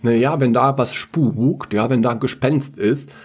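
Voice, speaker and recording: A man's voice: mid-range voice, unhurried, slightly rough. A man narrating a family story in a playful, wry way, then bantering casually. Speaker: podcast host and storyteller.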